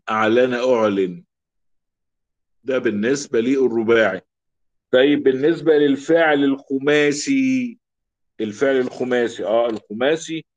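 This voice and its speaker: A man with an Egyptian accent teaches a grammar lesson, drilling example words by saying them again and again. His voice sits at an ordinary middle pitch, and the recording sounds slightly dull and lo-fi. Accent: Egyptian Arabic. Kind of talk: classroom lesson.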